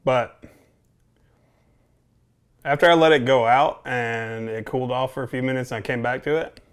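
A man's voice: mid-range voice, steady tone, normal speed, clear, resonant tone. Man musing through a casual review. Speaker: pipe tobacco reviewer. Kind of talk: casual unscripted product review to camera. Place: small home office, indoors.

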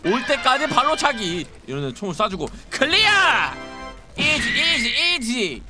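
An excitable young man streams a game, his high voice jumping all over as he yells and shouts at the action. Game music plays clearly behind him. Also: a little slow. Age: 20s.

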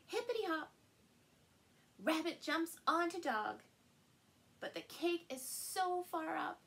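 A middle-aged woman with a high, gravelly voice reads a picture book aloud to small children, animated and slow, with playful sound words and exclamations. She's a storyteller and channel host, filmed by a camera a short distance in front of her in a small furnished room indoors.

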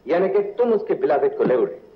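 An easygoing young man with a lively, bantering manner. His voice moves around animatedly in a fairly high register. The sound is an echoey, muffled 1960s film soundtrack. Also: fairly quick, a little hiss or hum. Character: easygoing young male hero and loyal friend.

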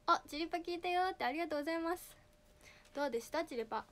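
A woman's voice: very high voice, racing. A teenage girl idol with a slightly nasal voice, chatting casually on a livestream and reading out viewer names. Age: teens. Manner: reads out viewer names, bright greetings.

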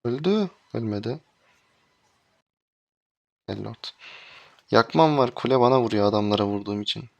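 A man's voice: mid-range voice, moderate pace, vocal fry, pauses often, no echo, muffled recording. Exasperated male game streamer, dry mic. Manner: exasperated, shouts at teammates. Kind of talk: live gameplay commentary.

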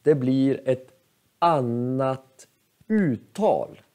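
A male teacher giving a slow, clear lesson in short halting phrases, spelling out letters one by one. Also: medium pitch, expressive, warm tone. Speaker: Swedish teacher.

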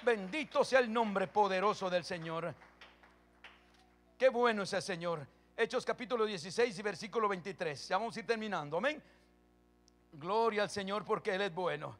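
A man preaching a sermon as pastor, reading Bible verses calmly, then rising to loud, forceful preaching with quick questions to the congregation. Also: high voice, faint music behind.

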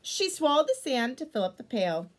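A woman in her thirties reads a picture book aloud to children with an expressive delivery, full of exclamations and chatty explanatory asides. Her voice is a little high and moves at a normal speed.

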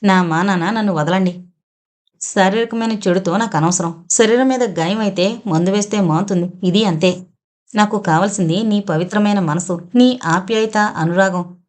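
A woman's voice: medium pitch, moderate pace, darkish tone, close to an everyday voice. A woman voicing a shamed, sorrowful young village woman who pleads earnestly in an audio novel. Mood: earnest pleading.

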